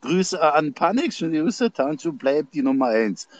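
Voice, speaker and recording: A man with a Berlin accent hosting a livestream, rambling in slang with shout-outs. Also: a little high, big pitch swings, moderate pace, muffled recording, a little hiss or hum. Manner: slangy, rambling, calls everyone Dicker. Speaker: livestream host.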